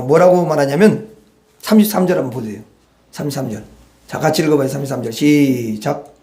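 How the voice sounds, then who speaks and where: A male preacher delivers a Sunday sermon in a fairly high voice. He tells the story in an animated way, slipping into the characters' dialogue and calling on the congregation to read verses aloud with him. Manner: storytelling, acts out dialogue from Bible stories. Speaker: pastor.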